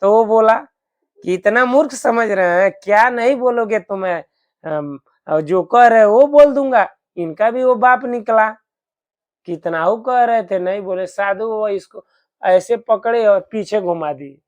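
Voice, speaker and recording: Male devotional storyteller, very slow, folksy retelling sermon, unhurried. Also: sits high.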